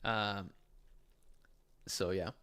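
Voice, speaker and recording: A man's voice: lowish voice, extremely slow, clean tone. A young adult man from Chile, casually chatting as a livestream host and answering viewers' questions. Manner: relaxed, conversational, answers chat questions.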